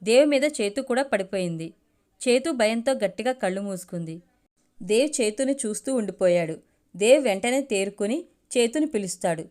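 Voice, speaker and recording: A woman narrating a family story for an audio storybook in a steady, measured reading. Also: mid-range voice.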